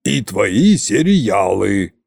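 A man's voice: mid-range voice, huge pitch swings, takes it slowly, vocal fry, mellow, husky, dry recording, clean studio sound, full character voice. A man voicing a bony undead tsar-sorcerer who bellows and curses in a storybook reading. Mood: furious shouting. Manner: bellowing, cursing. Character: bony undead male tsar-sorcerer, hot-tempered and bossy.

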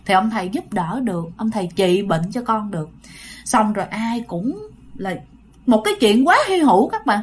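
A woman's voice: medium pitch, lively intonation, moderate pace. A woman, chattily narrating a ghost story and addressing listeners directly.

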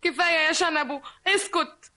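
A woman's voice: very high-pitched, normal speed, bright, forceful tone. An actress playing a lovesick young woman in an old Egyptian radio drama, with an Egyptian accent and a plaintive, pleading manner. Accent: Egyptian Arabic. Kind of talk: vintage radio drama acting.

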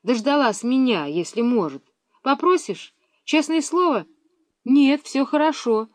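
A woman's voice: high voice, animated, unhurried, no room sound, voice pushed up. A woman reading aloud and voicing a bossy, fussy schoolgirl who talks on the phone in a raised, insistent, childlike voice. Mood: reassuring.

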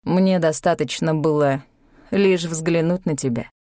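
A woman reading an audiobook, voicing a solemn, measured male Tibetan guide. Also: sits low, dark tone, dry recording, clean studio sound, voice pushed down. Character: low, slow-spoken Tibetan male guide. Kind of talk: audiobook character voice.

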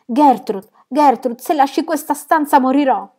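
A woman's voice: fairly even intonation, fast talker, warm tone, lightly acted. A woman reader voicing a panicked young woman who screams for help in a storybook reading. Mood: hysterical. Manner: shrill terrified cries.

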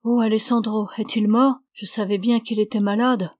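A woman reading the lines of a brisk, outspoken middle-aged innkeeper woman in an audiobook, in a dry recording. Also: fairly high pitch, fairly even intonation, darkish tone, no room sound, close to an everyday voice. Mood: eager.

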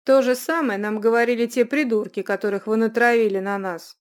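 A defiant young man, as a woman reading puts him on, blunt and sarcastic. He mocks others in a loud, cocky tone. Told as part of a storybook reading. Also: on the high side, moderate pace, natural voice. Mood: mocking. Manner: mocking, blunt.

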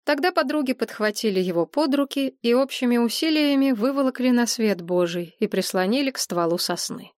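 A woman narrating an audiobook in an even, wry storytelling manner. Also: on the high side, brisk, hardly any pauses, dry recording, studio quality. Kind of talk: scripted narration.

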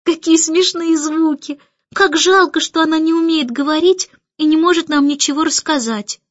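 A woman voicing an eager, excited young girl who speaks with breathless enthusiasm, in an audiobook. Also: sits high, normal speed, husky, no room sound, lo-fi sound.

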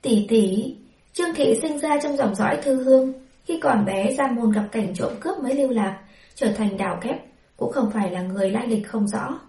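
A woman voicing a scheming imperial consort who talks softly and sweetly, in a roomy, distant recording. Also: fairly high pitch, moderate pace, lightly acted. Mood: honeyed. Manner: soft-spoken, sweetly persuasive.

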